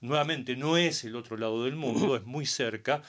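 A man speaking in a measured, reflective way during a panel discussion. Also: medium pitch, fairly bright tone. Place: Montreal.

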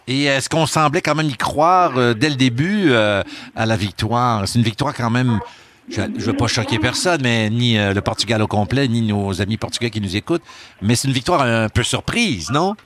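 A man's voice: mid-range voice, animated, normal speed, a bit bright. A man with a Quebec French accent hosting a casual radio talk show, playful and chatty with many hesitations. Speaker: radio host.

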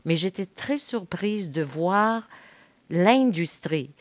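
A woman in her fifties from Quebec, a native Spanish speaker, reflects candidly on her career as an interview guest. Her voice sits low for a woman, and it sounds dry and close, with no room echo. She pauses often on hesitant "euh"s. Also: expressive. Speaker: guest, veteran TV host.

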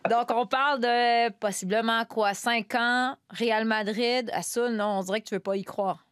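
A woman's voice: a little high, fairly even intonation, a little slow, fairly bright tone, clean tone, no echo, studio quality. A woman with a Quebec French accent hosting a soccer panel, playful and teasing. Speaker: host. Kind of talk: casual panel talk.

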